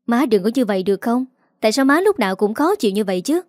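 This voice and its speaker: A woman's voice: on the high side, sing-song, quick pace, darkish tone, no room sound, studio quality. A woman reading the lines of a kind, protective middle-aged mother in an audiobook story. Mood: pleading.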